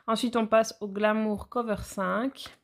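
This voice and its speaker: Woman, nail educator, casual haul vlog, gravelly fry, chatty and hesitant. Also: a little high, steady tone, measured pace, slight background noise. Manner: chatty, addresses viewers directly, frequent hesitations.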